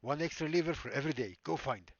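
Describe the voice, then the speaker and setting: A man's voice: fairly high pitch, animated, fast, no room sound, dull audio, voice pushed up. A man voicing a greedy back-alley surgeon who demands livers as payment, in a put-on stereotyped Eastern European accent with clipped, broken orders. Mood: menacing. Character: greedy male back-alley surgeon selling cyber limbs, threatening.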